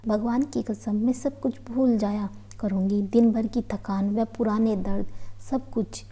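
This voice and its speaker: A woman voicing a gentle young wife of twenty who speaks softly and imploringly in a storybook reading. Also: medium pitch, steady tone, measured pace, lightly acted. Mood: pleading.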